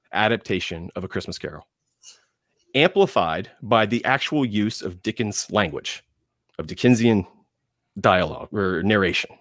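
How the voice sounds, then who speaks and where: On a film discussion panel, a man talks with real enthusiasm and emphasis, using dramatic pauses and repeating phrases for effect. His pitch is fairly low and a bit bright, with clean studio-quality sound and no room echo.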